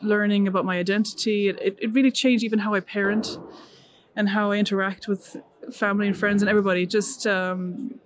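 A woman's voice: mid-range voice, fairly even intonation, a little fast, slight background noise. A middle-aged woman from Ireland, earnestly telling her story as a missionary guest in a conversational interview. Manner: earnest, with frequent restarts and fillers.

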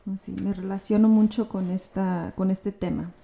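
Woman co-host, very warm dark tone, earnest and thoughtful in relaxed conversation. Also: mid-range voice, moderate pace, creaky. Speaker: podcast co-host. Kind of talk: casual conversation.

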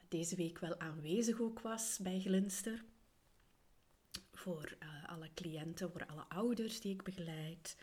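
A Flemish woman hosting a solo podcast while ill, her weak voice often slipping into a whisper; she speaks in a calm, earnest way with thoughtful pauses. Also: on the low side, slightly rough. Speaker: podcast host and coach for separated parents.

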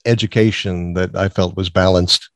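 A man's voice: sits low, fairly even intonation, normal speed, a bit bright, no room sound. A man who grew up in Massachusetts, a guest on an interview show, telling stories in a chatty way and often laughing. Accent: neutral American, no strong regional accent. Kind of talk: casual interview chat.

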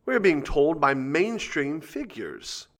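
A man's voice: on the high side, sing-song, slow pace. A man hosting a conspiracy show, reading scripted commentary with dramatic emphasis and rhetorical questions.

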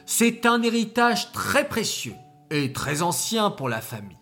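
A stubborn, proud vineyard owner voiced by a storyteller refuses politely but firmly. His pitch rises and falls widely at a slow pace, as in a storybook. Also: sing-song, fairly bright tone, faint music behind.

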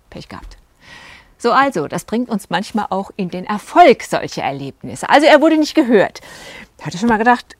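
A woman's voice: medium pitch, no echo. A woman couples coach telling stories from her sessions in a casual, chatty way, acting out what her clients said, with fillers and asides. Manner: recounts client sessions, acting out quoted lines. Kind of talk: storytelling talk to video viewers.

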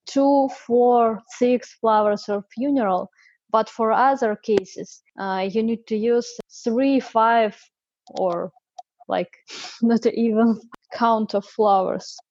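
A woman from Siberia with a Russian accent, chatting as an English student on a podcast in halting non-native English. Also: on the high side, darkish tone, muffled recording. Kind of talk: casual podcast conversation.

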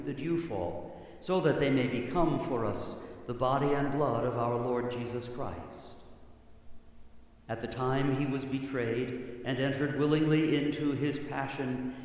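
Male priest saying Mass, medium pitch, solemn and measured, long cathedral reverb. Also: a little mellow. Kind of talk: solemn liturgical prayer recitation. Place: large echoing church. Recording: cathedral-like echo, long reverb, clear background noise.

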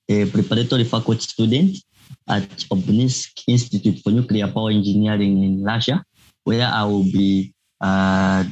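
A man's voice: fairly low pitch, a little mellow, lo-fi sound. A young man from Zambia, a student guest in a casual interview, speaking hesitantly with many fillers. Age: young adult.

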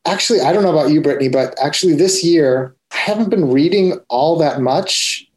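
A man's voice: on the high side, fairly quick. A man co-hosting a podcast, talking in an easygoing, chatty way with a few restarts. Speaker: podcast co-host. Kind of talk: casual chat.

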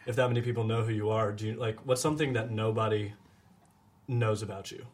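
A man's voice: lowish voice, fairly even intonation, quick pace. A man in his early thirties from Nashville, hosting a casual podcast interview and asking questions conversationally. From Nashville, Tennessee, US. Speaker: podcast host, stand-up comedian.

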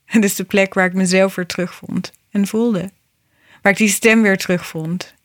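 A woman reading a scripted, reflective narration in a gentle, meditative manner. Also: medium pitch, fairly even intonation, moderate pace, no room sound, clean studio sound. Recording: music behind the voice. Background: music.

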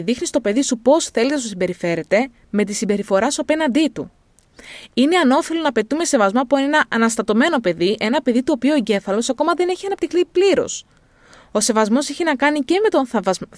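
A woman's voice: a little high, dry recording. A woman hosting a parenting talk, speaking directly to the listener in a reflective monologue. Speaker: parenting podcast host.

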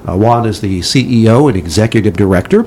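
A man's voice: on the low side, expressive, quick pace, darkish tone, a little hiss or hum. A man hosting a business interview podcast, opening with an emphatic announcer style and asking his guest questions. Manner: enthusiastic, emphatic announcer delivery. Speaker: podcast host. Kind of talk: upbeat interview host.

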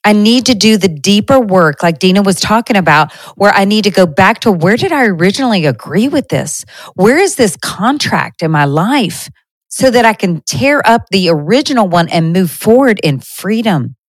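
A woman's voice: mid-range voice, lively intonation, moderate pace, no echo, poor audio. A woman in her thirties hosting a podcast, giving an earnest, conversational faith talk to her listeners with frequent restarts. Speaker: podcast host.

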